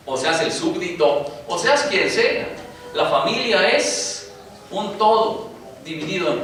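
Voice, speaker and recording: A pastor preaches a sermon in a church sanctuary, his voice fairly high and a bit bright. He poses rhetorical questions to the congregation and addresses them directly, recorded from a distant mic in an echoey church with background noise.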